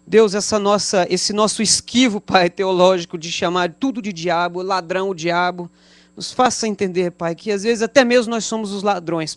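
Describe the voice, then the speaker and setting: A Brazilian man leads his congregation in an unscripted prayer, his voice pitched a little high. He leans on God and Father between every phrase with fervent insistence. The sound is close and dry. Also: dry recording. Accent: Brazilian Portuguese. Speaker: pastor. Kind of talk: spontaneous spoken prayer. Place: church service.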